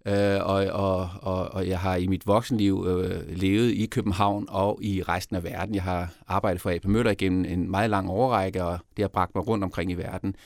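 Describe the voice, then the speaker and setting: Low-voiced hesitant Danish man. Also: little pitch movement, few pauses, darkish tone, dry recording, studio quality. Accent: Copenhagen Danish. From Denmark. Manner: hesitant, many restarts and fillers. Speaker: mayoral candidate guest. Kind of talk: podcast interview.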